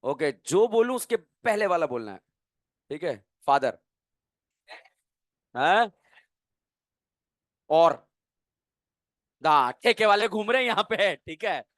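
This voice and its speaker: High-voiced playful male chemistry teacher. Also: very animated, slow, pauses often, a bit bright, dry recording, studio quality. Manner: playful, quizzes students with call-and-response questions. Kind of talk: energetic classroom lecture.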